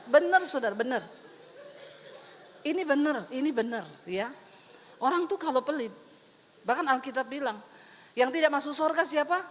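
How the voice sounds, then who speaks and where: A middle-aged woman pastor preaching an animated, teasing sermon, acting out the people she quotes. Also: high-pitched. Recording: long hall reverb.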